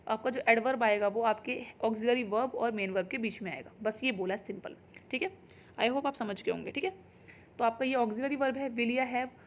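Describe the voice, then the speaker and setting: A woman's voice: a little high, slight background noise. Hindi-speaking woman teaching grammar. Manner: explains in Hindi, reads English examples slowly. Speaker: English teacher. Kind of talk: exam-prep grammar lesson.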